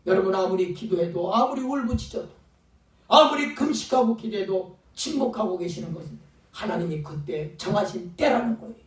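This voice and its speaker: A male pastor with a very high voice delivers a fervent sermon, at times acting out pleading voices. He is recorded from a distance in a church, so the sound is echoey and roomy. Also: lively intonation, a little fast. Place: church sanctuary.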